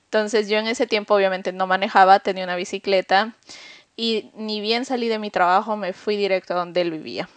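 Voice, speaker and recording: Casting: woman podcast host, self-mocking storyteller, mid pitch, dry close mic. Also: steady tone, a little fast, dry recording. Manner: confessional, self-mocking, many fillers. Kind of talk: casual storytelling chat.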